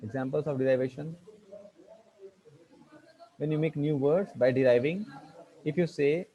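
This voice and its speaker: Halting male teacher. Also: fairly high pitch, warm tone, highs cut off. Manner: halting, many fillers and restarts, spells words out letter by letter. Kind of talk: online English grammar lecture.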